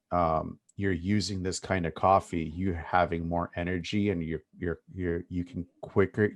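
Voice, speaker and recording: A man hosting an interview, asking long, curious questions. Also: deep voice. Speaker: host.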